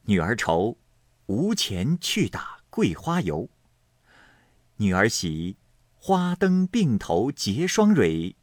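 A man voicing a graceful young male opera actor who recites and sings in a slow, measured way. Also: fairly low pitch, wildly swooping pitch, dry recording, clean studio sound, exaggerated voice. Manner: slow, measured chanting and singing. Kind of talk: storytelling.

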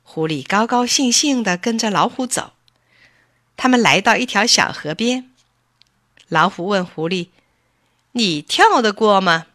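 A woman reading a children's story aloud in clear, expressive storybook narration. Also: medium pitch, a little slow, long pauses, dry recording, clean studio sound.

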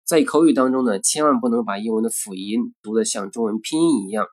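A man teaching pronunciation in a recorded lesson, speaking deliberately and repeating example words slowly and carefully. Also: fairly low pitch.

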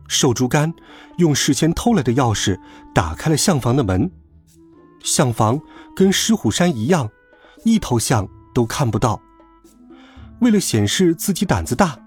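Husky lively storyteller man. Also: mid-range voice. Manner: lively, expressive reading. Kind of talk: children's storybook narration.

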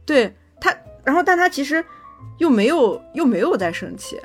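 A woman co-hosting a podcast, telling a personal story in casual chat, animated, swearing freely and correcting herself as she goes. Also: high-pitched, moderate pace, soft background music. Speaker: podcast co-host.

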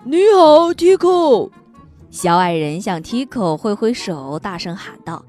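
A woman storyteller reading a picture book aloud for children in an animated, sing-song manner. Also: fairly low pitch, measured pace, soft background music.

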